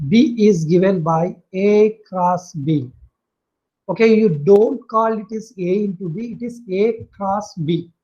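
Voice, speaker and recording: A woman's voice: mid-range voice, darkish tone. A woman with an Indian accent teaching a maths lesson, dictating notation piece by piece and repeating her phrases. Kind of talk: maths lesson explained aloud to students. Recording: dull lo-fi audio.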